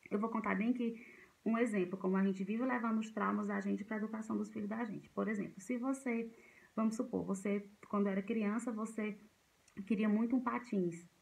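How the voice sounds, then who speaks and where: A woman's voice: medium pitch, gravelly, poor audio. A woman giving an informal talk to parents about raising children, speaking conversationally with frequent fillers and restarts. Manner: conversational, repeats herself, many fillers and restarts. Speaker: parenting educator.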